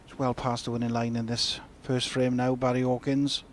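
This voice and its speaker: A man giving measured, understated live snooker commentary. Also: mid-range voice, level tone. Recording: crowd and noise behind, broadcast arena. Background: snooker arena crowd, clicking balls.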